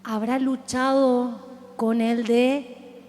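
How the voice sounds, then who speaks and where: A woman's voice: fairly high pitch, little pitch movement, drawn-out words, darkish tone, long reverb tail. A woman pastor with a Rioplatense Spanish accent, preaching in an impassioned, dramatic manner and speaking directly to her listeners. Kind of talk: sermon.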